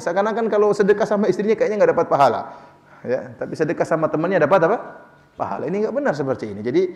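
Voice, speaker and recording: A man gives a relaxed sermon, answering questions in a fairly high voice. He slips into little acted-out dialogues. His voice carries a long hall reverb. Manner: conversational, playful, acts out short dialogues. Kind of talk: Islamic study sermon with Q&A.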